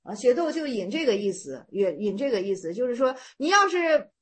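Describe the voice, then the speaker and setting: A woman explaining Zen koans, chatty and animated, reading classical text slowly. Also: fairly high pitch. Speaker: teacher.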